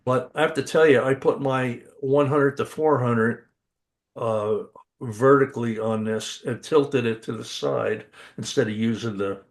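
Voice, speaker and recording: An older man co-hosts a casual podcast at an even middle pitch. He talks with eager enthusiasm, stumbling over restarts and filler words as he goes. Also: measured pace. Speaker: podcast co-host.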